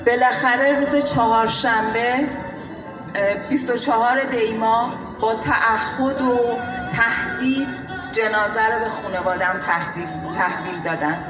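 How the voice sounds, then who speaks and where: A woman's voice: a little high, fairly even intonation, quick pace. A woman from Iran giving grave, grieving testimony about her brother's death as a bereaved sister at a public event. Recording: echoey hall with music.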